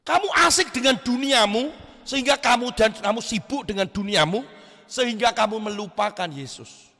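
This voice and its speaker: A male pastor gives a lively youth sermon, swinging from shouts to quiet asides. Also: sits high, normal speed. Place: church hall. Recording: echoey church hall.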